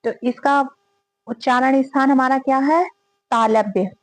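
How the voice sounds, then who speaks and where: A woman with a high, bright voice talks through exam-prep quiz questions like a teacher. She reads each question and repeats the options aloud before naming the answer. The sound is dry and close, with almost no room echo. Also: fairly even intonation, a little slow. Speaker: Hindi grammar teacher.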